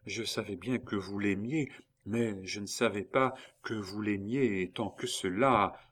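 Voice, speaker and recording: A man voicing a kind, lovesick young man who speaks softly and gently in an audiobook. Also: lowish voice, measured pace. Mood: sorrowful. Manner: hushed, gentle pleading.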